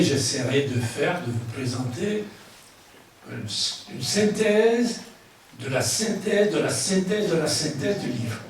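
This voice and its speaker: Older man, foreign accent, non-native French, public lecture, halting delivery, fairly high pitch, distant mic. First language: not French. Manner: halting, searching for words. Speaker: guest speaker, book author. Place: large echoing room at a public conference. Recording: very echoey hall, distant mic, faint noise.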